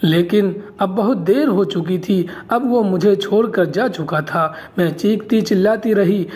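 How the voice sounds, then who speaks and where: A woman's voice: mid-range voice, darkish tone. Woman narrating an emotional story. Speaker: channel storyteller. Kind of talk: first-person story narration.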